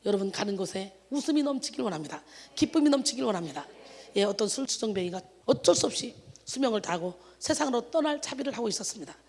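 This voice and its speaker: A woman's voice: fairly high pitch, lively intonation, fast, darkish tone, in a large hall. A woman pastor preaching a sermon in an emphatic manner, with exclamations of hallelujah and rhetorical questions to the congregation.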